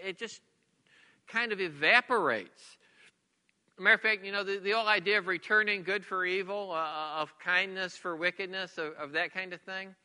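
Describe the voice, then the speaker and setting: A middle-aged male pastor preaching, with a high, very bright and sharp voice. He tells his stories with loud bursts of emphasis, then drops to soft, hushed lines. His voice carries a long reverb, as if he is in a big church hall. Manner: storytelling, shifts between loud emphasis and soft near-whispers. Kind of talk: sermon.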